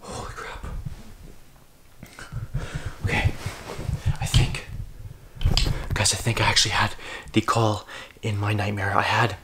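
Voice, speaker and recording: A young man vlogging to camera from his bedroom at night, often in a hushed whisper, jumpy and talking to viewers as guys. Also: on the low side, little pitch movement, normal speed, long pauses, a little hiss or hum. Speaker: paranormal YouTuber. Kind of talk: casual vlog to camera. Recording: music playing under voice.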